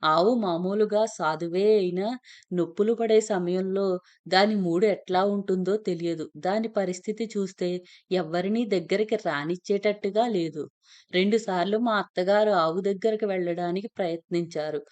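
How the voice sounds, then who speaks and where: A woman narrating a first-person story in a steady, plain telling voice. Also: mid-range voice, moderate pace.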